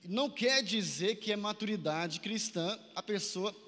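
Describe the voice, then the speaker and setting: Preaching to a youth conference in an echoing hall, this man from Santarém in Brazil's northern state of Pará has a high-pitched, bright, forceful voice and an unhurried pace. He urges listeners on, getting them to repeat his phrases and answer back.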